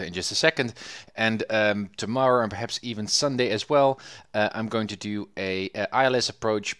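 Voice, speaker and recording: A man's voice: lowish voice, a bit bright. A man hosting a livestream through a headset mic, English not his first language, eager and full of ums and restarts. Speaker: livestream host. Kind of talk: casual livestream commentary.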